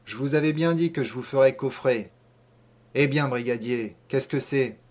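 A man's voice: medium pitch, moderate pace, lightly acted. A man reading an audiobook, voicing a pompous, irritable village mayor who barks orders scornfully. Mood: scornful, commanding. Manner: loud, scornful, commanding.

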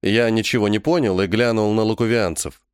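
A man narrating a first-person science fiction audiobook in an expressive storytelling manner. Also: on the low side, brisk, smooth, no room sound, clean studio sound.

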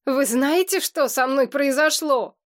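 Naive young demon man, eager and sheepish, voiced by a woman for an audiobook, high bright tone. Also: measured pace. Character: naive cheerful young male demon, lovestruck. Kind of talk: audiobook character reading.

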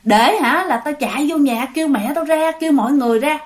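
Woman voicing a calm, bossy young man. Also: high voice, brisk, close to an everyday voice. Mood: firm. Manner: firm, bossy orders.

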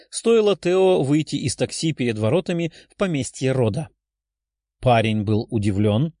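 Expressive male audiobook narrator. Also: a little high, no echo, studio quality. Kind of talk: scripted narration.

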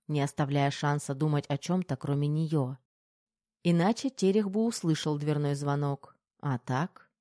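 A woman narrating a novel in an even, unhurried storytelling manner. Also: low voice, no room sound, studio quality. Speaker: audiobook narrator. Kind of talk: scripted narration.

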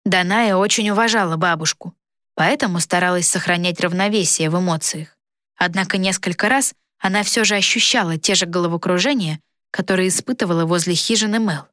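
A woman reading a fantasy story aloud as narrator, in smooth, even storytelling. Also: fairly low pitch, dry recording, clean studio sound. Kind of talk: scripted audiobook narration.

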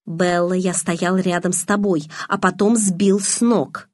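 A woman reading an audiobook, voicing a calm, gentle young man who speaks softly and insistently in a slightly husky voice. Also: lowish voice, moderate pace, no room sound, clean studio sound. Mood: quiet insistent.

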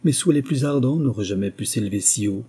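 A man reading an audiobook and voicing an earnest young male soldier who speaks slowly. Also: mid-range voice, animated, warm tone, slightly rough. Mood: elated.

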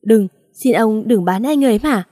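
A woman's voice: fairly high pitch, unhurried, darkish tone, no room sound, studio quality. A woman voicing a desperate pleading young woman. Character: desperate young woman begging for her lover.

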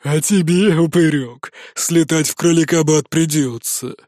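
A man's voice: a little high, a little slow, a little mellow, dry recording, clean studio sound, natural voice. A man doing a gloating hyena commander. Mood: scheming commands. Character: scheming commanding hyena magistrate, male.

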